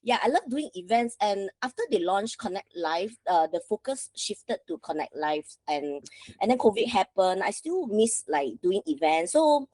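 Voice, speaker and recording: A woman guest on a casual livestream interview, talking in a lively way and laughing between points. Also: mid-range voice, normal speed, dry recording. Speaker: guest local guide.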